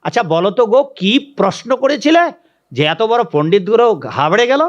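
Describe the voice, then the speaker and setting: A man's voice: big pitch swings, normal speed, muffled recording. A man voicing a female demon who marvels at her husband and presses him for his secret. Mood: curious, admiring. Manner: high, wheedling and marvelling. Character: demoness wife, nagging, curious and doting.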